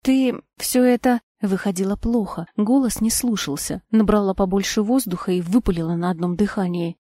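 Brief: female audiobook narrator, first-person story, dark mellow tone, dry close sound. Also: medium pitch, brisk, no echo.

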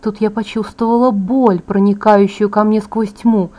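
A woman narrates a first-person audiobook with dramatic, expressive reading. Her voice is mellow and warm, with a middling pitch for a woman. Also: normal speed. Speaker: audiobook reader.

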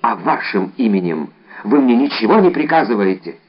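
A man's voice: lowish voice, very animated, moderate pace, highs cut off. A man voicing an ardent young guardsman in an audiobook, eager and exclamatory. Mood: resolute. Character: ardent young Gascon guardsman, bold and gallant.

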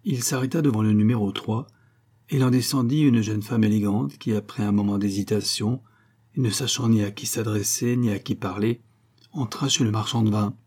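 A man reading a novel aloud as audiobook reader, in measured, even storytelling. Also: lowish voice.

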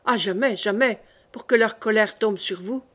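A woman's voice: medium pitch, moderate pace, fairly bright tone, lightly acted. A bold young nobleman, read by a woman. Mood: gallant. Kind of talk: audiobook reading.

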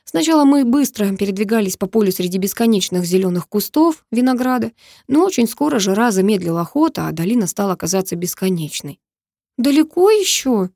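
A woman reads a first-person story aloud in an even, storytelling way. Her voice is mellow and warm, at a middling pitch, with a dry, close sound. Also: brisk, no echo. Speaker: audiobook reader.

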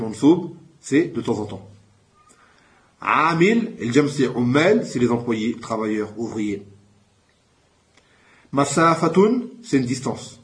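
Guy teaching a class, says each word loud then explains it slow, mid pitch. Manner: explains slowly, switches between French and Arabic words; calls out each new word louder before explaining it. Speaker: Arabic teacher. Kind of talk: classroom lesson.

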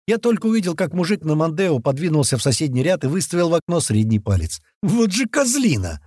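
A man narrating a first-person action audiobook, acting out the crew's shouted lines as he reads. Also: a little high, fast talker, dry recording, studio quality. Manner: lively, voices the gang's shouts in character.

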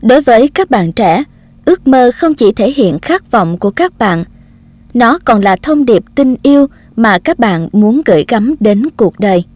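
A woman narrating an audiobook in a calm, gentle storytelling manner. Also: on the high side, measured pace, no echo.

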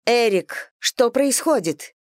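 A woman's voice: mid-range voice, normal speed, dry recording, clean studio sound, close to an everyday voice. A woman voicing an anxious noble sister. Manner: anxious, pleading and stern by turns. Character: higher-voiced caring noblewoman, the husband's sister.

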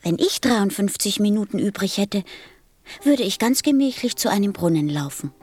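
A woman playing a gentle, curious and earnest little boy in a German radio play, with a husky voice and simple questioning delivery. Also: mid-range voice, lively intonation, normal speed, soft background music, lightly acted. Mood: earnest, wistful.

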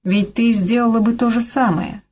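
A woman voicing a calm, determined male TV journalist, speaking in a businesslike way. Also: on the high side, moderate pace, slight background noise, pitched above the performer's own voice, natural voice. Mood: tender.

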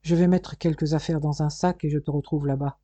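An earnest, anxious young son speaks in an audiobook, read by a man. The tone is dark and husky. The sound is dry and close-miked. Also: a little high, fairly even intonation, brisk, dry recording, lightly acted.

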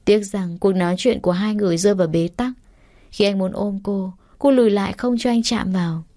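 A woman narrates a romance audiobook in a steady, even manner. Her voice is mellow and warm rather than bright. The recording is dry and close to the mic. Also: mid-range voice, a little fast, dry recording. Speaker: story narrator.

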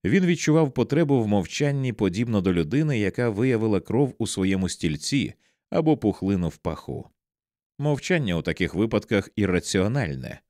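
Low-voiced male audiobook narrator. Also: a little mellow, no echo, studio quality.

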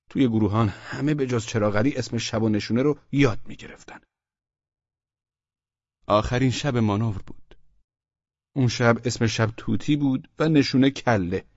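A man's voice: lowish voice, no room sound. Man telling a story in a dry dull recording. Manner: colloquial, conversational storytelling. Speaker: audiobook narrator. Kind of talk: first-person storytelling audiobook.

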